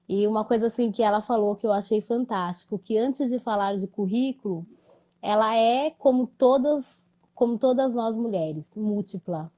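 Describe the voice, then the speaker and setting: A woman's voice: on the high side, normal speed, poor audio. A woman hosting an interview, speaking in a reflective, conversational way and often adding tag questions. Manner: reflective, warm-toned, with many tag questions. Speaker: host. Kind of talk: casual interview.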